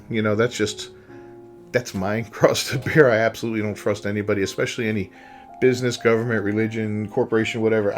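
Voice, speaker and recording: A man hosting a gaming channel, giving casual opinion commentary in a rambling way, often tagging on "right?" and "you know". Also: on the low side.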